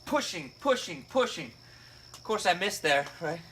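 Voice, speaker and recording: A man's voice: high-pitched, very animated, normal speed, background noise. A man giving a casual fitness lesson, explaining step by step and checking in with "right?" and "okay?". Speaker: fitness coach. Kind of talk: casual instructional video.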